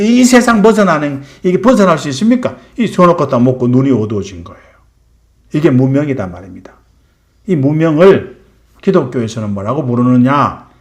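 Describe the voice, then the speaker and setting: An older man giving a spiritual lecture, asking his listeners rhetorical questions and telling a folk tale. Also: medium pitch. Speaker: preacher.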